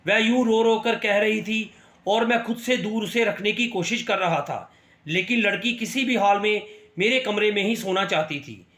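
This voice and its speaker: A man narrating a dramatic story in the first person, in a steady storytelling manner. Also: sits high, moderate pace, roomy sound.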